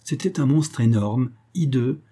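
Male audiobook narrator, dark and husky, measured storybook telling. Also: mid-range voice, lively intonation.

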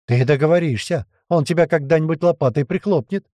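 A man voicing a flustered male mechanic who shouts and pleads over his unruly parrot. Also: on the high side, a little fast, no echo, voice pushed up, lightly acted. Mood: shouting.

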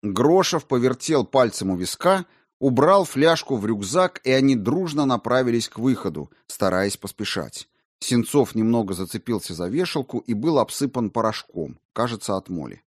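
A man narrating a story in an even, measured way. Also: mid-range voice, dry recording, studio quality. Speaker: audiobook narrator. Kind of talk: scripted narration.

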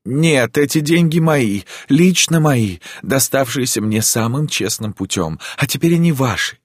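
A man's voice: low-pitched, lively intonation, moderate pace, dry recording, studio quality, pitched above the performer's own voice. A man voicing a passionate pleading countess. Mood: insistent. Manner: dramatic, impassioned, imploring. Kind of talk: audiobook character reading.

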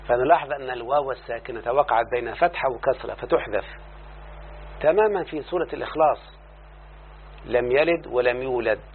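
A man with an Egyptian accent teaching a lesson in a classroom style, explaining each point and constantly asking his student whether he has understood. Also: mid-range voice. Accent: Egyptian Arabic. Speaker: teacher of Arabic morphology. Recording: tinny lo-fi recording with faint hum.

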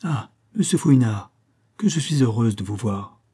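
A man's voice: mid-range voice, expressive, a little slow, warm tone, husky. A man voicing a small, sweet-voiced young woman who speaks earnestly and with emphasis in an audiobook. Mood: pleading insistent.

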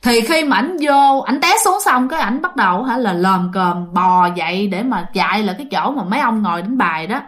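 A woman's voice: mid-range voice, fairly quick, few pauses, fairly bright tone. A woman telling a ghost story in a chatty, casual way, often addressing her listeners.

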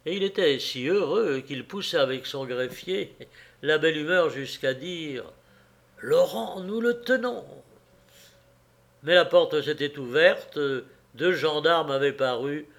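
A man reading a novel aloud as an audiobook narrator, in a slow, measured way. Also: mid-range voice, fairly bright tone. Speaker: audiobook reader.

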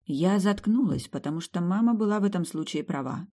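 A woman's voice: lowish voice, animated, brisk, dark tone. A woman narrating a humorous fantasy audiobook in the first person, with a wry, conversational delivery.

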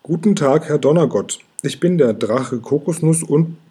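A plucky little dragon boy with a husky, mellow voice, as a man acts him out. He speaks as a storybook hero, curious and brave. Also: medium pitch, expressive, moderate pace. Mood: bold calling. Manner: hushed whispering, then calling out boldly.

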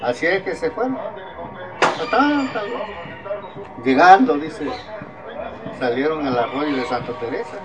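Older man, Oaxacan Spanish accent, oral storyteller, higher-pitched voice, music clearly audible behind. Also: moderate pace, rough recording. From Mexico. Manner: repeats "dice" constantly, lively retelling of quoted voices.

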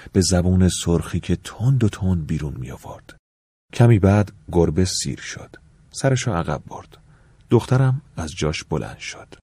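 A man narrating an audiobook in the first person, calm and measured, at times dropping to a soft whisper. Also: low voice, husky, no echo.

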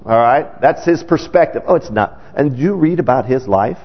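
A middle-aged man preaching a conversational sermon, often checking in with his congregation and acting out worried voices a little higher. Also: animated, normal speed, husky. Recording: dull lo-fi sermon recording with long hall reverb.

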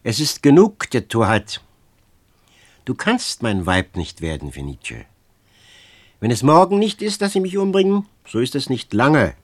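A man voicing a stern, proud man who speaks firmly and with resignation in an audiobook, in a husky voice. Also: medium pitch, very animated, no echo. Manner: stern, measured, firm. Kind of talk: audiobook reading.

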